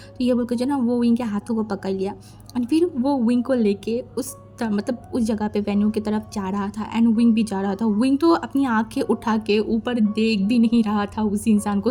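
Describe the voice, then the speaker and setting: A woman's voice: fairly high pitch, warm tone. A woman casually narrating a fan fiction story in a chatty, conversational way. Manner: chatty, conversational, mixing in English words.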